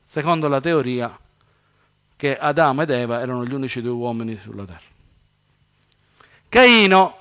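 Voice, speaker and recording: A man preaching a sermon, swinging between loud raised quotations and low quick asides. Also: smooth. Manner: animated, rises loud on scripture quotes, then drops to asides.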